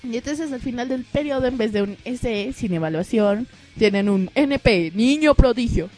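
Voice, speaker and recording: A woman with a Mexican accent, a little hoarse, telling comic school stories in a casual vlog and acting out other people in squeaky voices. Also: moderate pace, faint music behind. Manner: animated, acts out others in squealing high voices. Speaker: vlogger. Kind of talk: casual comedic monologue.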